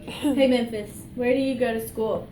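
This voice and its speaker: A woman nurse talks casually at the bedside, teasing and reassuring in a slightly high voice. She is recorded at a distance in a reverberant room with clear noise around her. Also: steady tone, moderate pace, dark tone. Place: hospital recovery room. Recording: echoey room, distant mic, background noise.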